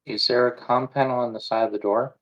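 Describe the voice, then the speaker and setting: A man playing a tabletop role-playing game, measured, giving orders in character. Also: mid-range voice, fairly even intonation. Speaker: player. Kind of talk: casual tabletop game play. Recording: dull lo-fi sound.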